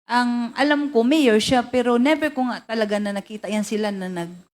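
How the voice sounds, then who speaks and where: A woman testifies at a hearing in a slightly high voice, speaking politely and haltingly. She searches for her words and fills the gaps often. It sounds like a formal hearing room. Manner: hesitant, halting, polite with many fillers. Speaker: witness at a hearing.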